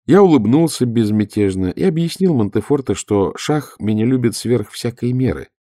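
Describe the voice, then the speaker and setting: A man's voice: mid-range voice, lively intonation, normal speed, mellow, no room sound. A man reading a first-person story in a composed, dry storytelling manner. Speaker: audiobook narrator. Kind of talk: first-person audiobook narration.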